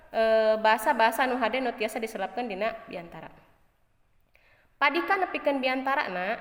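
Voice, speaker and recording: A woman with a Sundanese accent giving a lesson, explaining points one by one in order. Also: medium pitch. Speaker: teacher. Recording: echoey room with long reverb.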